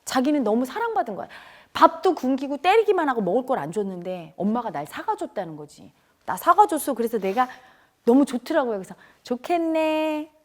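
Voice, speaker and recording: A woman's voice: a little high, very animated, fast talker, darkish tone. A middle-aged woman earnestly telling a painful childhood memory to an audience, her voice turning tearful at times. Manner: tearful and earnest, rising to cries when reliving events. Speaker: speaker at a spiritual community talk. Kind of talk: emotional personal storytelling.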